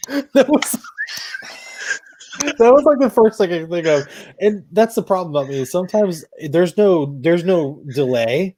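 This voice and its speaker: A man's voice: high-pitched, lively intonation, measured pace, pauses often, dark tone. A man from Florida hosting a podcast, chatting casually and joking with movie quotes. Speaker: podcast host. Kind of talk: casual chat.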